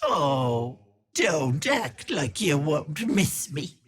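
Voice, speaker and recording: An actress playing a sinister old hag who poses as a kindly auntie in a video game, cooing mocking endearments in a theatrical way. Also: female voice, deep voice, big pitch swings, very slow, breathy edge, heavily acted. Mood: sly, mocking. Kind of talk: video game character acting.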